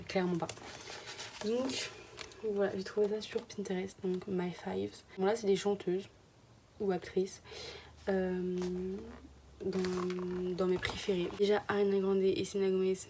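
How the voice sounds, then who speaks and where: A woman's voice: mid-range voice, warm tone, slight background noise. A young woman from France chatting casually to her phone camera in a vlog, rambling and sometimes dropping to a whisper. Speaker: vlogger.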